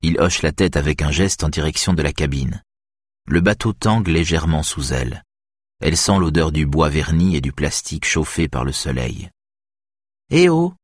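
Male audiobook narrator, deep and a bit raspy, calm and steady reading. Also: normal speed, no echo, clean studio sound. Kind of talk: scripted narration.

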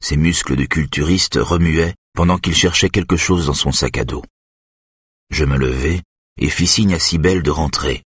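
A man narrating a novel in a measured, subdued way. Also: rumbling low, fairly bright tone, slightly rough, no room sound, clean studio sound. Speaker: audiobook narrator. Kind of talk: literary narration.

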